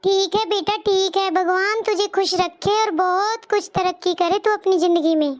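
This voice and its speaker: A woman's voice: extremely high pitch, steady tone, moderate pace. Woman doing a scheming old mother-in-law. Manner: sweet-talking, wheedling. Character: scheming elderly mother-in-law who plays favourites.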